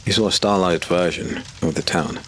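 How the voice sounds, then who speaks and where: A man with an exceptionally deep voice narrates a dark fantasy audiobook, his scripted delivery steady, measured, and ominous. A clear hiss sits beneath the recording.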